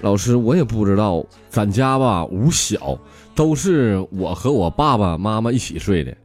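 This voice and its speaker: A man's voice: on the low side, expressive, moderate pace, darkish tone, faint music behind, natural voice. A man with a Northeastern Mandarin accent voicing a timid, whiny small boy in a comic story. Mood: plaintive.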